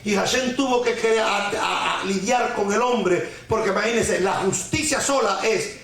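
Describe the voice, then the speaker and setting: Guy preaching torah portion, highish voice, asks questions back at you, repeats himself for effect, super echoey room. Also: normal speed, creaky, a bit bright. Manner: asks rhetorical questions and repeats phrases for emphasis; mixes in Hebrew terms and folk sayings. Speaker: Torah teacher. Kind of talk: sermon on the weekly Torah portion.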